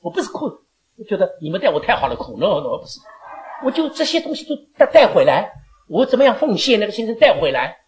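An older woman speaking to her church congregation, animated and rambling, laughing often and slipping in English phrases. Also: mid-range voice, quick pace, slight background noise. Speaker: elderly church member giving thanks. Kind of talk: emotional speech to a congregation. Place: church gathering.

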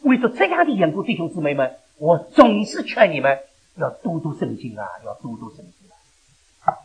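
An older male preacher with a very husky, worn voice gives a sermon. He talks fast, and his pitch leaps high and drops low as he moves from emphatic questions to hushed storytelling. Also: low-quality recording. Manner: animated, rising to loud emphatic questions then dropping low. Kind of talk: sermon with personal testimony.

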